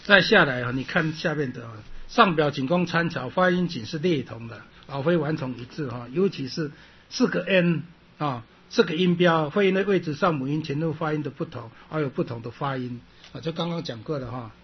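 Male lecturer, husky voice, throat-clearing, repetitive classroom delivery, dull lo-fi recording. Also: fairly high pitch. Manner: repeats points, ends phrases with a drawn-out "ha", clears throat often. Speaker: Sanskrit teacher.

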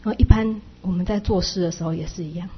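A woman with a husky, breathy voice explains Buddhist teachings in a chatty sermon, softening her sentences with little particles. The recording sounds dull and lo-fi. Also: lowish voice, quick pace. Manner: chatty, with frequent soft sentence-final particles.

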